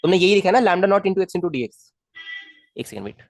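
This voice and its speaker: Lively coaxing male physics teacher. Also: high-pitched, moderate pace, creaky, no echo, faint music behind. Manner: coaxing, repetitive, checks in with students often. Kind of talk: live online class.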